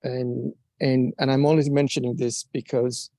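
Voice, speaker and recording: A man from Somalia speaking up at a community meeting, earnest and halting with many restarts. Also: medium pitch, little pitch movement, warm tone, no room sound. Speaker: audience member. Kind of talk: casual remarks at a meeting.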